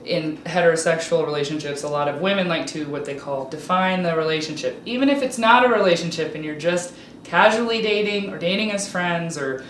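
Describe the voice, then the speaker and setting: As a guest in a casual interview, a woman from Alaska in her thirties speaks candidly, peppered with ums and restarts. Her low voice has a fairly bright tone and moves a little fast with hardly any pauses. Slight background noise, roomy echo, and faint ambience are present.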